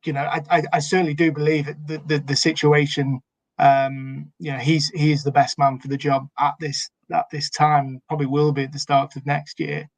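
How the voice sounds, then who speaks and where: A man's voice: on the high side, flat delivery, moderate pace, dry recording. A man co-hosting a casual sports podcast chat, hesitant with many fillers and restarts. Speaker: podcast co-host.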